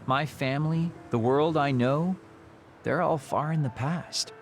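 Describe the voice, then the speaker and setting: In a video game cutscene, an actor voices a teasing, world-weary immortal: a burned-out, playful man two thousand years old who is hollow inside. His pitch sits fairly high and he speaks a little slowly, sounding weary and hollow. Music plays behind him, with slight background noise.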